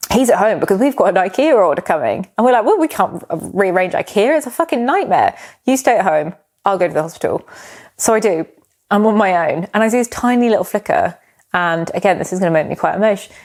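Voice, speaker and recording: A British woman in her thirties hosts a solo podcast, sharing a personal story in a rambling, candid way and swearing casually. Her voice is fairly low and a little mellow, and she becomes emotional, sometimes tearing up. She speaks with a British English accent.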